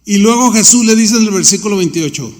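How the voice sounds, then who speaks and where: A male pastor delivers a conversational sermon in a notably high voice, slipping into little acted dialogues. The sound carries the long reverb of a large church hall. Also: lively intonation, fairly quick. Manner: conversational preaching, acts out dialogue.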